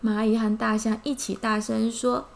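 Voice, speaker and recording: A woman with a Taiwanese Mandarin accent, telling a children's story in an animated, sing-song way and gently explaining its lesson. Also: fairly high pitch, normal speed, creaky.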